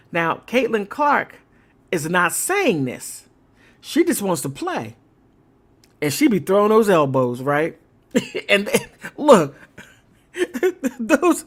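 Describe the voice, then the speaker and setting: A livestream host rambles through political commentary at an unhurried, deliberate pace. The delivery is emphatic and casual, with laughter now and then. The voice sits at a mid pitch.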